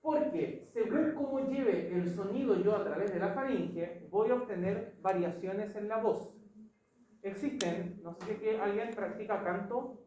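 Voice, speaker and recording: Recorded from afar in an echoey large classroom, a woman with a Chilean accent lectures on anatomy. Her medium-pitched voice is warm and unhurried as she explains step by step and quizzes the students.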